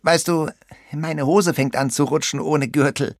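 Käpt'n Sharky, a man's high bossy little pirate. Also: very animated, measured pace, husky, no echo, studio quality, full character voice. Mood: boastful. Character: small boastful male pirate captain, childish and bossy. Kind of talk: audiobook character voice.

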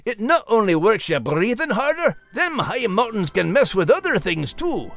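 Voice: mid-range voice, very animated, moderate pace, fairly bright tone, no echo, soft background music. An actor voicing Max-style cheerful, simple-minded male Scottish dog in a children's audio drama, with hearty, folksy speech.

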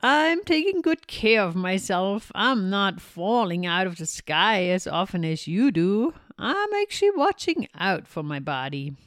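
A woman's voice: mid-range voice, sing-song, measured pace, hardly any pauses, fairly bright tone, no room sound, clean studio sound. Woman doing an old, fussy little gnome man. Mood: gentle.

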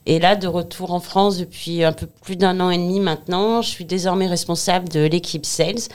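A woman's voice: on the low side, steady tone, fairly quick, a little mellow. A woman in her forties, a guest in a podcast interview, speaking fluently but with frequent filler hesitations. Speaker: guest, head of business development. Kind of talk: interview answers.

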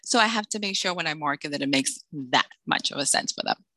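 A Dominican Republic author, interviewed as a guest in casual chat, jokes around and acts out the voices of people in her stories with lively energy. She has a low voice and talks quickly, and there's no room sound on the recording.

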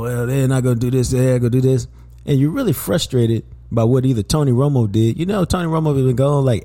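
A man hosting a podcast, talking sports in an animated, slangy way and repeating words for emphasis. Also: medium pitch. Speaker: podcast host. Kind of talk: casual sports talk.

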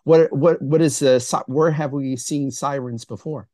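A man's voice: mid-range voice, steady tone, moderate pace, mellow, dry recording. A man co-hosting a philosophy podcast, talking casually and enthusiastically, eager to jump in. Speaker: podcast co-host.

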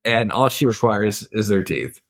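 A man's voice: fairly low pitch, animated, normal speed. A man co-hosting a book podcast, casually retelling scenes, reading quotes aloud and laughing often.

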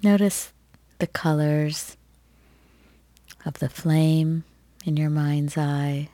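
Low, dark-voiced woman guiding a slow meditation. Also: fairly even intonation, dry recording. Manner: soft, gentle, soothing delivery with long pauses. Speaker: meditation guide.

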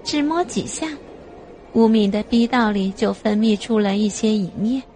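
A woman narrating an audio novel in a slow, even storytelling manner. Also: medium pitch, faint music behind.

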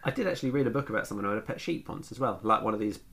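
A man's voice: lowish voice, expressive, very fast, vocal fry, fairly bright tone. A British man co-hosting a podcast, chatting and telling anecdotes in a teasing, wry way. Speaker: podcast co-host. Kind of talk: casual banter and anecdotes.

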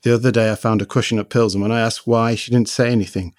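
A man's voice: fairly low pitch, little pitch movement, fast, no room sound, studio quality, close to an everyday voice. A man in his late fifties reading a short story aloud, voicing a worried young father describing his troubles. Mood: troubled.

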